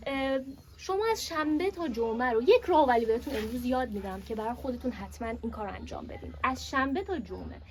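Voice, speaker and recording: A woman teaching a workshop class in a classroom, lively and asking her students questions. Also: on the high side, few pauses.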